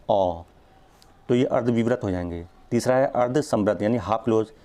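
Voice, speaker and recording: Brief: male teacher, fairly low voice, patient step-by-step explainer, draws out example sounds, frequent check-ins. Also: warm tone. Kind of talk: exam-prep grammar lesson.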